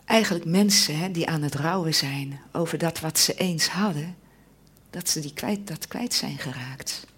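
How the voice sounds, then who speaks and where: A woman preacher giving a sermon, slow and emphatic, often dropping into an intense whisper. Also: slightly rough. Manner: slow and emphatic, with lively swings of pitch.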